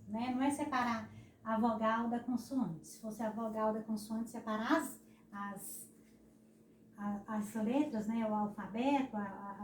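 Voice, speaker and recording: A Brazilian woman teaches a recorded lesson, her voice a little high and soft-toned. She drags out words syllable by syllable and keeps checking in with "né?". She sounds set back from the mic in an echoing room with a faint hiss. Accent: Brazilian Portuguese. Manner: slow, syllable-stressing explanations with frequent "né?". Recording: echoey room, voice from a distance.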